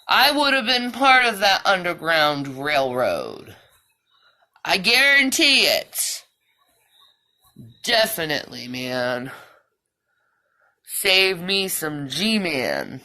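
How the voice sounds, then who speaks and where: Woman vlogger, profane heated rant, slow delivery, sharp bright tone. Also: fairly low pitch, big pitch swings. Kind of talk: ranting monologue.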